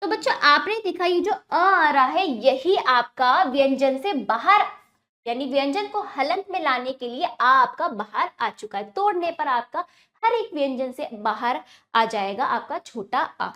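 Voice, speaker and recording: A woman with a high voice teaches a grammar lesson to young children. She patiently asks the class questions and then answers them herself. When she spells out example words, she slows down and stresses each one. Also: lively intonation, pushed and bright.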